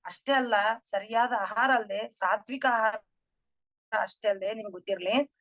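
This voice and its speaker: A woman's voice: mid-range voice, moderate pace, fairly bright tone, no room sound. A middle-aged woman giving an earnest spiritual talk on meditation, explaining terms and quoting her teacher. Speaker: meditation speaker.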